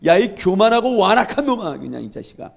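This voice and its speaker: Brief: preacher acting a harsh older brother soldier, gravelly, barking insults. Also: male voice, high-pitched, big pitch swings, a little fast, full character voice. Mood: scolding. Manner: shouting insults.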